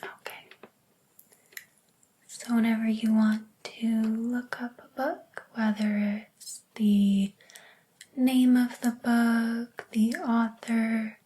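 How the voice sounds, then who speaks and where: A woman whispering slowly and breathily in a soft ASMR whispered role-play as a gentle, helpful librarian. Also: a little high. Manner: slow, gentle, hushed.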